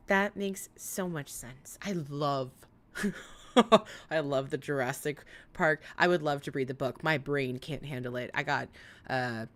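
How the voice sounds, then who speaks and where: A woman with a speech impediment that turns her R's toward W, chatting casually and excitably to viewers as a livestream host, in a rambling, giggly way. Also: a bass voice, measured pace. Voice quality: speech impediment, weak R sounds like W. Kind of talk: casual live chat with viewers.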